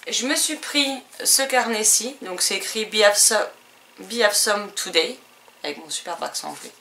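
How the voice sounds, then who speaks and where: French woman, chatty haul vlogger, bright voice, faint background hiss. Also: mid-range voice. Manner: chatty, hesitant with many fillers. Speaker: book and stationery vlogger. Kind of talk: casual haul video chat.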